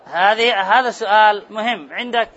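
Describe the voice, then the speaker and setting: A man's voice: high-pitched, normal speed, a bit bright. A man teaching a grammar class, repeating key terms and quizzing his students. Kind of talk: classroom lecture. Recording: muffled classroom recording with murmur.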